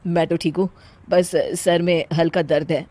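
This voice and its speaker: A woman's voice: fairly low pitch, little pitch movement, normal speed, dark tone, no room sound, voice pushed down, close to an everyday voice. A woman voicing a young husband who speaks firmly. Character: young husband, calm and worried.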